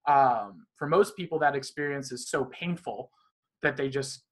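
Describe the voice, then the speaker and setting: A man's voice: mid-range voice, moderate pace, fairly bright tone. A man being interviewed as a magician, talking animatedly in long, rambling runs of casual conversation. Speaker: magician guest.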